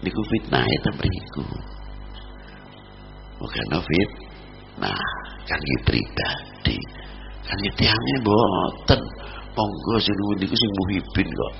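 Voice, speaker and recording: A man with a Javanese accent preaching a sermon, swinging between loud exhortation and low murmurs. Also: expressive, takes it slowly, creaky, pauses often, soft background music. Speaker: Islamic preacher. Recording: dull lo-fi recording with noise.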